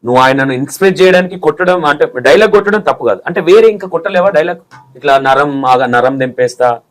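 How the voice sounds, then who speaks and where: A man's voice: high-pitched, rapid-fire. A man, bluntly pressing and scolding his interview guest with pointed questions. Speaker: interview anchor.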